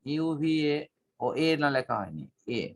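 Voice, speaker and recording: Unhurried male physics teacher. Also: a little high, big pitch swings. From Bangladesh. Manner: measured, halting delivery with long pauses, mixing in English terms. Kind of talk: online whiteboard lesson.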